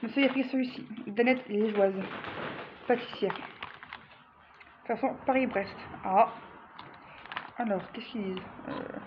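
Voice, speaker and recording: At home, a woman vlogs her grocery haul, chatting casually and addressing viewers directly with lots of fillers and restarts. Her voice is fairly high and unhurried, with frequent pauses. The audio is dull, with background noise.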